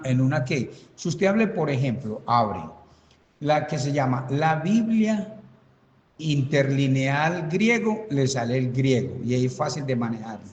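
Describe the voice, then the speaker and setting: A pastor leading a Bible study, explaining patiently and talking to named listeners in a casual, conversational way. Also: male voice, on the high side, darkish tone, roomy sound, in a large hall, poor audio. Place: church hall.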